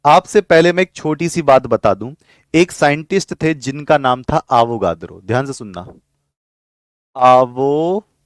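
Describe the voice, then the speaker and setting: Man, chemistry teacher, live online class, patient and repetitive, fairly high voice, dry close sound. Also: lively intonation, moderate pace, no echo. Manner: explains patiently, repeats key points, asks students to answer.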